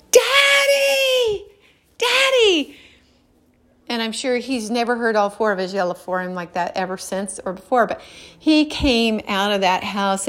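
A middle-aged woman giving a gentle, earnest devotional talk about a childhood memory and faith, often pausing and restarting. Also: mid-range voice. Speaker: devotional speaker.

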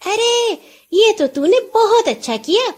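A woman's voice: high voice, very animated, voice pushed up. A woman playing chirpy peasant wife Nora. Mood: delighted. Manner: bright exclaiming, calling out to servants.

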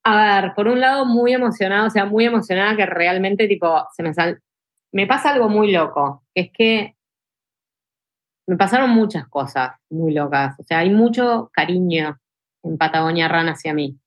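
Guesting on a podcast, this ultra trail runner talks casually and tells emotional stories. She's a young adult with a Rioplatense Spanish accent, speaking at normal speed with a medium pitch, and her speech is full of fillers like "tipo" and "este".

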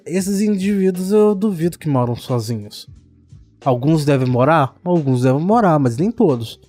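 Brazilian guy, slightly high voice, sarcastic profane rant, faint music underneath. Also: dark tone. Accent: Brazilian Portuguese. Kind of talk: casual ranting chat.

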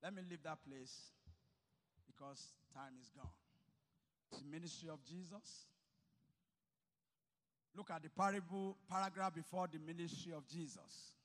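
A man preaching a sermon to students, emphatic and swinging between quiet asides and loud exhortation. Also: fairly high pitch. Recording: reverberant hall.

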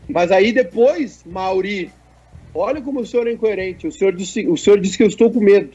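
A man's voice: sits high, fairly quick, mellow, husky, dull audio. A man, co-hosting a casual sports chat and reading viewer messages in a joking way. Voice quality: nasal. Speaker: co-host.

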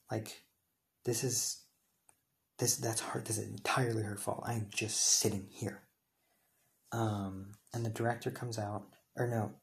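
Gravelly young man ranting casually. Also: on the low side, darkish tone. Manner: rambling, heated, many restarts and fillers. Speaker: podcast host. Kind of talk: casual storytelling monologue.

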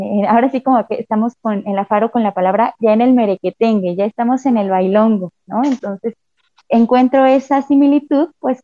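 A woman's voice: on the high side, dark tone, no room sound. A woman, a cultural promoter giving a reflective panel answer with frequent restarts over a call. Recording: tinny phone-like line, dry.

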